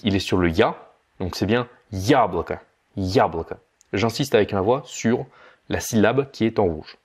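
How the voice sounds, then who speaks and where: A man from France giving a vocabulary lesson in a voice-over, repeating each word slowly and stressing its syllables. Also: lowish voice, darkish tone. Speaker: language teacher.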